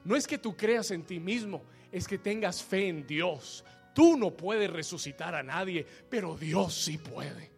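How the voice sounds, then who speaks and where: A male pastor preaching a fervent sermon, swelling to shouts and calling the congregation for amens. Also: high voice, expressive, measured pace, creaky, husky, soft background music.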